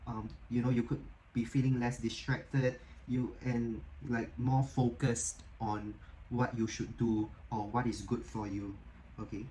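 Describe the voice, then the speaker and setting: A man's voice: medium pitch, little pitch movement, measured pace, a little hiss or hum, poor audio. A man giving a casual, encouraging tarot reading, talking in a chatty way full of "like" and "okay?" checks. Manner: chatty, frequent "like" and "okay?" tag questions; gentle, encouraging tone. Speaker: tarot reader.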